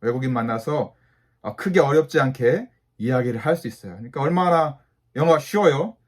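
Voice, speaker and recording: A man's voice: medium pitch, lively intonation, fairly quick. A man giving a patient beginner English lesson to mothers, saying each letter and asking the listener to repeat it three times.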